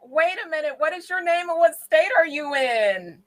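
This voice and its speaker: A woman's voice: high-pitched, animated, moderate pace. An effusive, encouraging woman hosting a casual radio call-in show.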